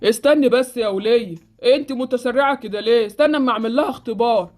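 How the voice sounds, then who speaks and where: A woman voicing a gruff, bossy adoptive father with an Egyptian accent in a Roblox story. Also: on the high side, quick pace, a little mellow, faint music behind, natural voice. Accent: Egyptian Arabic.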